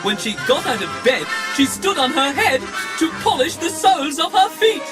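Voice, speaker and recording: Over background music in an audio drama, an actor gives a fussy, theatrical performance as a prissy, scrambled, recklessly giddy humanoid droid. The male voice has an extremely high pitch and a sing-song lilt at normal speed.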